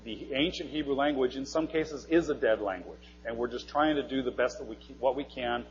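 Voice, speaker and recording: A man's voice: medium pitch, brisk, slight background noise. A man giving a live classroom lecture, quizzing his audience in a friendly, teacherly way. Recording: dull recording in a long-reverb hall.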